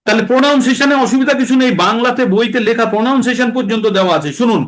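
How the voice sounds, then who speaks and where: A man teaching how to recite Sanskrit verses in a class, explaining patiently and slowing to chant lines syllable by syllable. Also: very high voice, a bit bright, low-quality recording. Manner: patient, explanatory, checks understanding.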